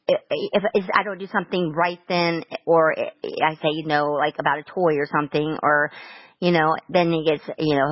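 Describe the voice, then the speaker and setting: A woman's voice: low voice, no echo, dull audio. A middle-aged woman talking casually on the phone about her sons, rambling with many restarts and stammers. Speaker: mother on a phone call.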